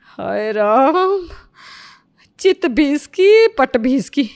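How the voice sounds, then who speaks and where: A woman's voice: a little high, moderate pace, faint music behind, natural voice. A woman doing a bossy cartoon mother-in-law. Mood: dramatic. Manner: scolding, theatrical. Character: middle-aged mother-in-law, bossy and dramatic. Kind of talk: cartoon story voice acting.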